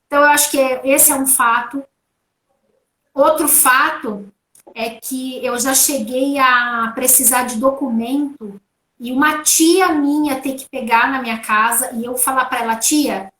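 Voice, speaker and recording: High-voiced woman telling stories in an echoey room. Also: unhurried. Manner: relaxed, anecdotal storytelling. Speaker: guest speaker. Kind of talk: conversational interview answers. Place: at home.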